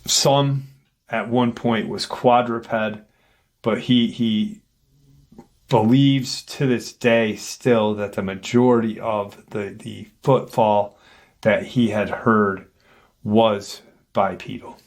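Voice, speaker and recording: A man's voice: lowish voice, steady tone, slow pace. A man retelling a paranormal encounter account in unscripted speech, with frequent fillers and restarts. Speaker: paranormal story narrator.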